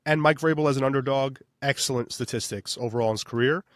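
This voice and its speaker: A man's voice: medium pitch, quick pace, dry recording, clean studio sound. A man co-hosting a sports betting podcast in loose, casual chat full of fillers. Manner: loose, filler-heavy, says "baby". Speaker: podcast co-host.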